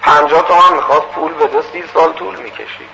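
A man preaching through a moral story, animated and acting out its dialogue, on a muffled recording with loud hiss. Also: a little high, gravelly, a crowd in the background. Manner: animated, acts out dialogue, quick asides.

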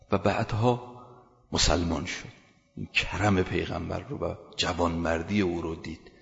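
A man with a low, gravelly voice delivers an earnest sermon and tells stories, pushing his key phrases louder as he builds. The sound carries a long hall reverb. The recording is dull and lo-fi. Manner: earnest, builds emphasis with rising loud phrases. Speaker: preacher. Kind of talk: sermon with storytelling.

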